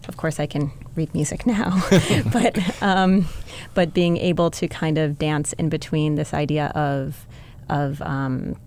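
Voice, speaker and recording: A woman cellist talks warmly and reflectively in an interview. Her voice sits very low and has a gravelly, creaky edge. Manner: friendly, reflective, laughs softly. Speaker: cellist, guest musician. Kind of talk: casual interview talk.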